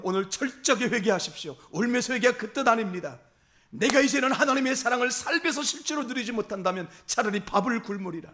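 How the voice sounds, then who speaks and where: A male pastor with a strikingly high, sharp voice delivers a fervent Sunday sermon, his pitch swinging widely. He builds emphasis through repeated phrases in impassioned, rising exhortation, calling out directly to the congregation as "everyone."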